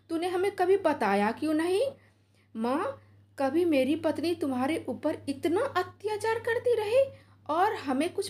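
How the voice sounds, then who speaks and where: A furious grown son yelling at his wife, as a woman narrator voices him. He shouts with raw indignation, his voice sitting high.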